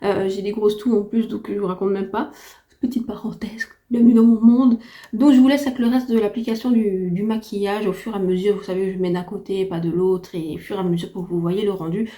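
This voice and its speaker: This woman, a beauty vlogger, talks briskly to camera in a casual product review, chatty and eager, stressing points again and again. Her mellow mid-range voice has fairly even intonation but is unsteady and failing from a heavy cold.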